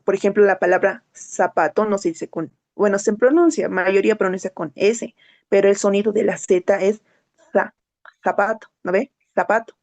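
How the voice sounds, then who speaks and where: A woman English teacher in an online class, modeling words slowly and explaining pronunciation. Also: medium pitch, warm tone. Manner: slow, drawn-out model words, switching to quick explanations.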